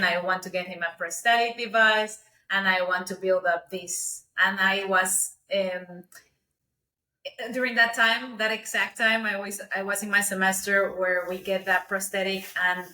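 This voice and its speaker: A young woman tells her story with animated energy. Her voice is bright and forward, and the recording carries a noticeable room echo. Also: medium pitch. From Costa Rica. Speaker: podcast guest. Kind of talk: casual interview. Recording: echoey room.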